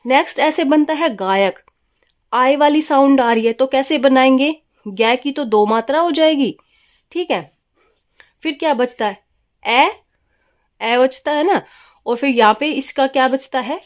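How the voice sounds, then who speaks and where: A woman's voice: sits high, unhurried, pauses often. A woman teaching a grammar class. She asks her students questions, answers them herself, and repeats the key words, with English words mixed into her talk. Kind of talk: classroom lesson.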